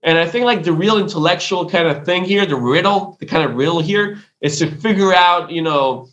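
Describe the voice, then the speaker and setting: A man's voice: sits high, normal speed, fairly bright tone. Rambling Israeli-born man, lo-fi sound. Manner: loose and rambling, full of fillers like "you know" and "kinda". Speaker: podcast guest, PR agency founder. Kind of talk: casual interview answers.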